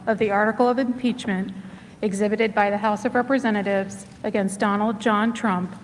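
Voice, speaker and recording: A woman's voice: medium pitch, fairly even intonation, moderate pace. A woman makes a ceremonial proclamation with grand, declamatory formality. Her voice rings in a reverberant hall, with some noise around it. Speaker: Senate sergeant at arms. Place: large legislative chamber. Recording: echoey hall, clear background noise.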